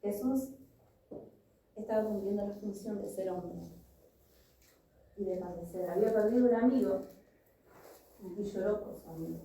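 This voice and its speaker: A woman's voice: mid-range voice, moderate pace, pauses often, warm tone, a little hiss or hum. A woman preaching a sermon, earnestly telling a personal story and reading scripture. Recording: echoey room, voice from a distance.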